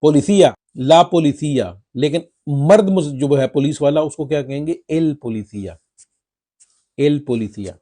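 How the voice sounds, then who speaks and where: Slow, dark-voiced man teaching Spanish. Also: fairly high pitch. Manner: spells out words and repeats them slowly. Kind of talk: slow spoken language lesson.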